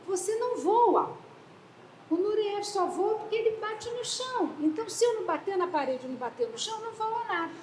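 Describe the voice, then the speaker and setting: An older woman, an artist, talking about her work at an exhibition opening in an expressive, storytelling way. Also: very high-pitched, slight background noise. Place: gallery hall. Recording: roomy hall sound, faint ambience.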